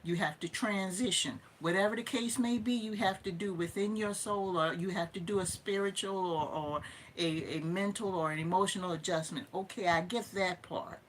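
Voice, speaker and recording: A woman's voice: mid-range voice, normal speed, slight background noise. A Southern woman in her fifties hosting a casual livestream, emphatic and opinionated, repeating points for stress. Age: 50s. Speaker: livestream host.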